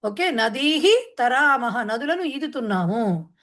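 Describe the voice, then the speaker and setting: A woman Sanskrit teacher who chants a verse slowly, then explains it in quick talk mixed with English words. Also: a little high, animated, a bit bright. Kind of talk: online class explaining a verse in Telugu.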